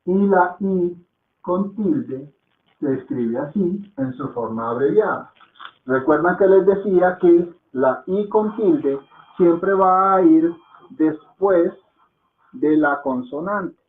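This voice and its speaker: A man's voice: sits high, takes it slowly. A man teaching a language lesson, patiently repeating words to drill their pronunciation and checking in with his students. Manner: checks in with soft "¿mm?" and "¿ok?". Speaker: Hindi teacher. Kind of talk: slow spoken lesson. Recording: echoey, phone-like lo-fi sound.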